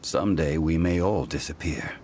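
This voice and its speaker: Very deep, stately ancient god Zhongli. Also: male voice, a little mellow, a little hiss or hum. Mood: reflective. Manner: solemn, measured, formal archaic wording. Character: ancient, dignified god of stone in calm human form. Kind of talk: video game character dialogue.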